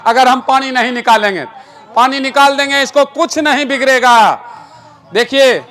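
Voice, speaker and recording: During a live magic demonstration with explanations, a man who is a stage magician and rationalist speaker jokes with and directs a boy and the crowd. He speaks at a moderate pace in a very high-pitched, steady, slightly bright voice over soft background music.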